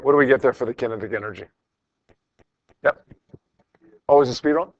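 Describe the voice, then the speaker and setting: A middle-aged man teaches high school physics in a brisk, medium-pitched voice with a darkish tone, and the audio is dull. Working through problems with the class, he speaks informally and encouragingly and repeats phrases for emphasis.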